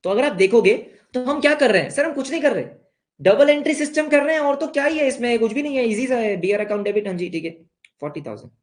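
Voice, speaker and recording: A young man with an Indian accent teaches an online accounts lesson, playfully asking questions and answering them himself the way a student would. His voice is very high and his pace quick.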